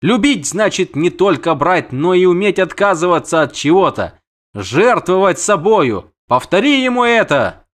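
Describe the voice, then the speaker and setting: A man's voice: high voice, big pitch swings, measured pace, a bit bright, pitched above the performer's own voice, heavily acted. A man voicing a haughty, hot-tempered female siren in an audiobook, with a singsong, indignant delivery. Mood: outraged. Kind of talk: audiobook character voice.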